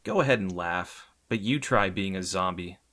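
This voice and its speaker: A man's voice: low voice, animated, moderate pace, bright, forceful tone. A man doing Robin, a cocky young sidekick. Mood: defiant. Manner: defiant, wisecracking. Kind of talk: audiobook character voice.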